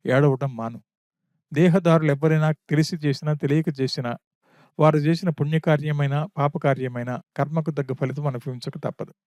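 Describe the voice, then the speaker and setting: A man voicing a calm, wise monkey counselor who consoles a widow with steady, sermon-like reasoning. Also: a little high, moderate pace, dry recording, natural voice. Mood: consoling.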